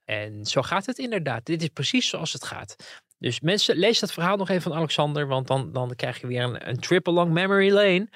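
A man's voice: fairly high pitch, brisk, no echo, clean studio sound. A man, a political commentator, telling anecdotes in casual podcast chat and acting out the people he quotes. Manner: lively storyteller who acts out the people he quotes.

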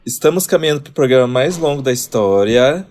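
A Brazilian man with a medium-pitched voice banters on a casual podcast. He has a campy, mock-diva way of joking. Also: animated, fairly quick, darkish tone, slight background noise. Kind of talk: casual group podcast chat.

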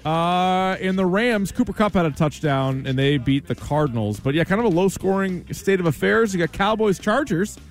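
A man hosting a sports show, running through scores and highlights in a conversational way. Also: expressive, moderate pace, hardly any pauses, soft background music.

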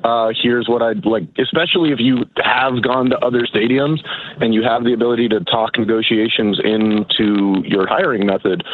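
A man calling in as a guest, explaining his work casually with plenty of fillers. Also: lowish voice. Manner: explains with fillers, relaxed and matter-of-fact. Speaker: guest, traveling bartender. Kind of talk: casual interview chat. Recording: tinny phone line with faint hiss.

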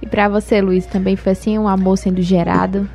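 A woman hosts a podcast interview, asking questions in a friendly, curious way at an everyday pitch. Faint music runs behind her. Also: little pitch movement, brisk, creaky, darkish tone. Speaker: podcast host.

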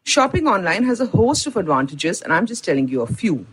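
Indian woman podcast host, husky tone, animated upbeat read. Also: fairly low pitch, a little fast, rough recording. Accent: Indian English. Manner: upbeat, enthusiastic storytelling. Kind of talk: scripted podcast narration.

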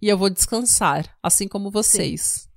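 A woman with a Brazilian Portuguese accent co-hosting a podcast, chatty and quick to react with jokes and gasps. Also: mid-range voice, creaky, no room sound, clean studio sound. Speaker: podcast co-host. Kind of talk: casual podcast chat.

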